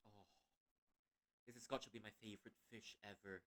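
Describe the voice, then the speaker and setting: A man's voice: fairly low pitch, steady tone, moderate pace, fairly bright tone. Playful Malaysian-accented young man streaming. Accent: Malaysian English. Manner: playful, laughs often. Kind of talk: gaming stream commentary.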